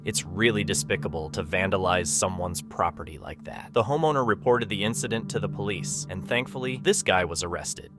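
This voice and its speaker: Low-voiced male narrator over music. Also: brisk, few pauses. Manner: conversational, disapproving, rhetorical asides. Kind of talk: scripted narration of caught-on-camera clips. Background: prominent music bed.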